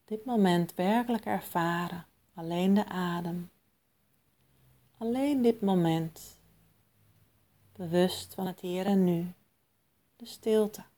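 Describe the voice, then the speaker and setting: Female meditation guide: soft, soothing, lowish voice, very unhurried, calm, generous pauses.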